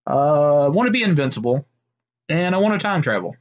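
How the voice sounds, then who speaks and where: A man's voice: on the high side, sing-song, brisk, highs cut off. A man voicing an ordinary man eagerly rattling off wishes, in a near-natural voice.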